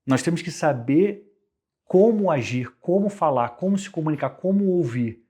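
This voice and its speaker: A man with a Brazilian Portuguese accent, a guest on a podcast, explaining communication with lively everyday examples. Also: on the high side, normal speed. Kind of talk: conversational podcast interview.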